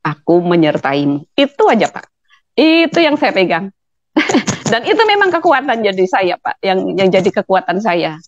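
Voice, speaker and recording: A middle-aged woman tells her story in an emotional, laughing way. The sound is dull and close, with no room echo. Her pitch sits in an ordinary middle range. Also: very animated, moderate pace. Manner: emotional, laughing often while telling. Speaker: guest. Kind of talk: testimony interview.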